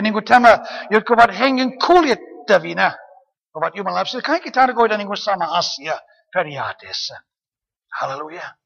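A woman preaching a lively sermon, often calling out hallelujah and amen and asking her listeners rhetorical questions. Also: a little high, vocal fry, dull audio. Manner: animated, frequent hallelujahs and amens, rhetorical questions. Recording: long hall reverb.

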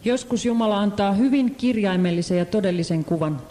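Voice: medium pitch, mellow. An interpreter rendering a sermon live, hesitating often with fillers. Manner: hesitant, many fillers and restarts. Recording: echoey hall.

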